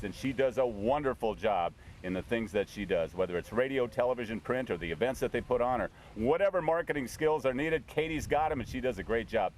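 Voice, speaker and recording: A man's voice: mid-range voice, a little hiss or hum. A man hosting a TV interview show, talking in a friendly, folksy way. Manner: friendly, folksy shout-outs. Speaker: host. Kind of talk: casual interview.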